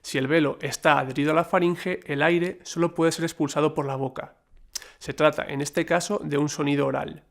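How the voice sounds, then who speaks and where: A man reading a scripted lesson in a measured, explanatory way, with the odd slip and filler. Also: on the high side, steady tone, vocal fry. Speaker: lecturer. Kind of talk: scripted educational narration.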